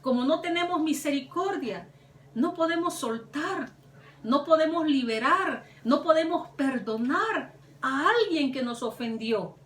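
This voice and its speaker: A woman's voice: high voice, animated, measured pace, a bit bright. A woman preaching a sermon with fervor, her voice climbing on the words she stresses. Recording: echoey room, mic at a distance.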